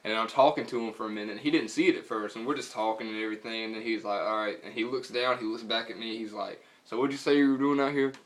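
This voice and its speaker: A man's voice: on the low side, fairly even intonation, quick pace, hardly any pauses, fairly bright tone. A young man with a Southern US accent telling a story casually in a slangy, profane, rambling way. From North Carolina, US.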